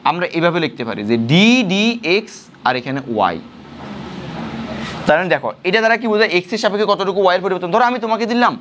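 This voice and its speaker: High-voiced man tutoring in class. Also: slight background noise. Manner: questioning students, repeating points. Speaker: physics tutor. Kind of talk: classroom lecture.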